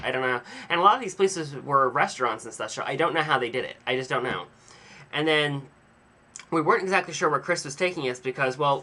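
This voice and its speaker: A young man casually telling a rambling, self-mocking story to a camera in his home vlog. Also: mid-range voice. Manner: chatty, animated, self-mocking. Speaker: vlogger.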